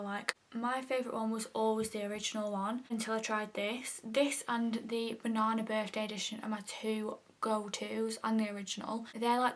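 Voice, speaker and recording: A young woman chatting through a makeup tutorial, filling her talk with "like" and often dropping to a half-whisper. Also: fairly high pitch. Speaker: makeup vlogger. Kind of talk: casual makeup tutorial chat.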